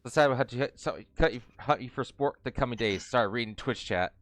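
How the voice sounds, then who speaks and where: A man's voice: medium pitch, fairly quick, no room sound. A man reading video game dialogue with friends in a casual group session, laughing often and hamming up the haughty lines.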